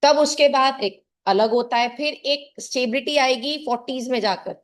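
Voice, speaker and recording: A woman's voice: high-pitched, normal speed. A middle-aged woman tutor giving an earnest motivational talk to her class and calling her students "child.". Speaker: tuition teacher.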